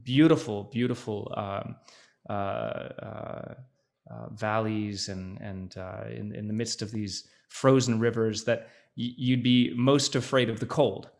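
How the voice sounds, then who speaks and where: A gravelly, low-pitched man, an actor with Dutch roots through his mother, speaks slowly and fairly evenly as a guest on a video-call interview. He chats in a considered way, often restarting and using fillers.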